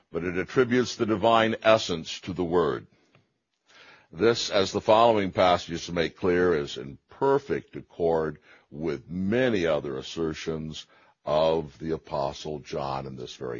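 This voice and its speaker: A man's voice: low-pitched, unhurried, breathy edge, dull audio. A man giving a theology lecture, explaining carefully, correcting himself and stressing key phrases.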